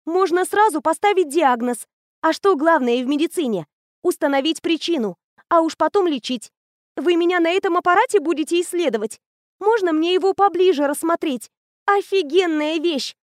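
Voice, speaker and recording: Woman doing a teen girl, high squeaky voice, gushy know-it-all, talks a mile a minute, dry close sound. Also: dry recording. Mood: gushing. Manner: rapid, gushing, breathless enthusiasm. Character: excitable fifteen-year-old girl, medicine-mad know-it-all.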